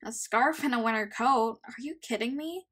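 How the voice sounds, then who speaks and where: A woman acting as a young girl vigilante in a comic dub. Her voice is high, and she talks in a blunt, confident, bossy and foul-mouthed way. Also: normal speed, a bit bright. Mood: scornful. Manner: confident, blunt, matter-of-fact.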